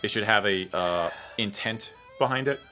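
A man's voice: fairly low pitch, bright, forceful tone, faint music behind. A man co-hosting a podcast in casual chat, making his case in a reasoned, agreeable way. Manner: quick, agreeable interjections and reasoned arguing. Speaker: podcast co-host.

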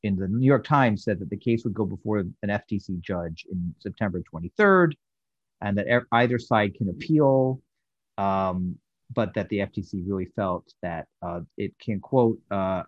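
A man co-hosting a podcast talks through his research in a halting, self-correcting way. His voice is husky and sits low. The recording is dull, lo-fi and dry. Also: animated, no room sound. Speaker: podcast co-host. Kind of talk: casual chat about a TV episode.

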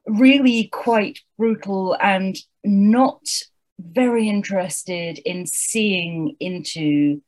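Speaking very slowly in a medium-pitched voice, a woman co-hosts a casual podcast about books. Thoughtful with a wry streak, she brings a lively relish to the passages she reads aloud.

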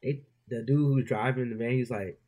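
Husky young man telling a story. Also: mid-range voice, fairly even intonation, normal speed, warm tone. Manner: loose, slangy, lots of "bro". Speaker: podcast co-host. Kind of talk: casual storytelling.

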